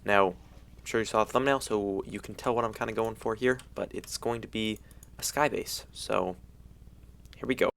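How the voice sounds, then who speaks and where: A young man giving casual gameplay commentary in an excitable frat-bro way, full of slang like dude and bro. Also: lowish voice, moderate pace, vocal fry. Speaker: gaming video host.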